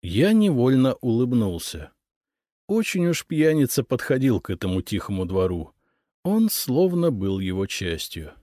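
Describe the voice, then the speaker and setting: A man's voice: medium pitch, very animated, measured pace, dark tone, dry recording, studio quality. A man reading a first-person story as an audiobook narrator.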